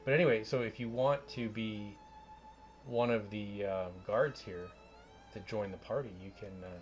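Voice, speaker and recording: A man acting as game master, casually narrating a tabletop game in a halting way as he searches for words. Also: fairly low pitch, faint music behind.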